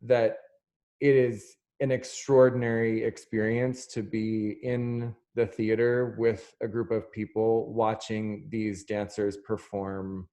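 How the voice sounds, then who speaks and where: A man moderating an artist talkback over a video call, giving closing thanks in an unhurried way with many fillers. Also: fairly low pitch, flat delivery, mellow. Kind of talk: closing remarks in a video chat.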